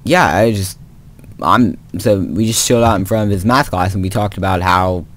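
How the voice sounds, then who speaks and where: A man's voice: low voice, moderate pace. A teenage boy telling a rambling story in a casual way while playing a video game, with lots of fillers and restarts. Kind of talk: casual storytime over gameplay commentary.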